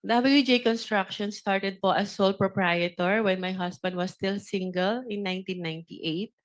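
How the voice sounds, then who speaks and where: A middle-aged woman with a Filipino accent, a contractor testifying at a senate hearing, speaking in a measured, polite and deferential way. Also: medium pitch, steady tone. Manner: measured, polite, deferential, addresses "Your Honor" with "po". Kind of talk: formal prepared statement and answers at a hearing. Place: senate committee hearing room.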